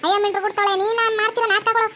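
Woman voicing a foul-mouthed cartoon daughter-in-law, North Karnataka Kannada accent, piercingly high, bright and rapid. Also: little pitch movement, slight background noise. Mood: defiant. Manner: defiant, insulting, rapid. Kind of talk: cartoon voice acting.

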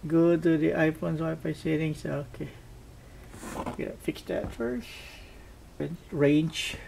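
A man casually narrating a product test as a reviewer, haltingly thinking aloud. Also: fairly high pitch, vocal fry, a little mellow. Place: indoors at a tabletop. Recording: faint background noise.

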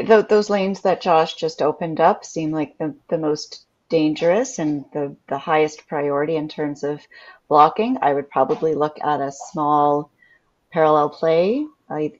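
Woman co-commentator, very low pitch, hesitant, dull lo-fi audio. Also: measured pace. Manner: hesitant, restarts her sentences. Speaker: Scrabble co-commentator. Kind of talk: live game commentary.

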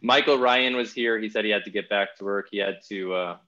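A man's voice: lowish voice, a little fast, pushed and bright, muffled recording. A man hosting a podcast interview, talking in an enthusiastic, thoughtful way with frequent restarts. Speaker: podcast host. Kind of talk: casual interview chat.

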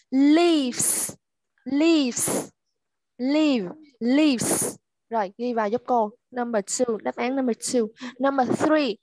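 Woman, online English teacher, high-pitched, repeats words for pronunciation, dry room. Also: no room sound. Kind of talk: online English class for children. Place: at home.

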